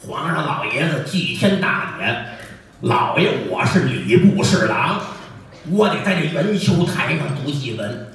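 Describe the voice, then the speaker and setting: A man with a Beijing accent voicing a pompous old Qing official who speaks slowly and self-importantly, on an echoey stage recording. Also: a little high, expressive, a bit bright, a little hiss or hum, pitched below the performer's own voice. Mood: scheming. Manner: slow, drawn-out, self-important. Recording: echoey stage audio from far off.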